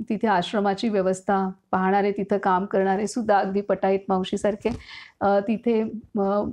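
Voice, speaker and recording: Devotional reader: woman, Marathi accent, mid-range pitch, unhurried and hesitant while explaining. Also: a little mellow. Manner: slow, hesitant explaining with many fillers. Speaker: reader and commentator on a saint's biography. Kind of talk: devotional reading with commentary.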